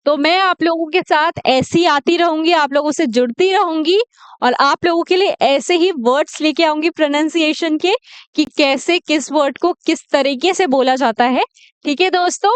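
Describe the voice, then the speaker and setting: A young woman teaching English pronunciation with an Indian English accent, saying target words slowly and often checking in with her students. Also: high-pitched, dry recording. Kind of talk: classroom lesson.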